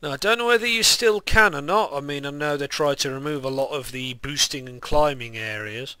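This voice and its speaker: A man's voice: a little high, brisk, bright, forceful tone, clear, resonant tone, dry recording. A young man with a lisp and whistling s sounds, giving casual, rambling, self-deprecating game commentary. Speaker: gaming video maker.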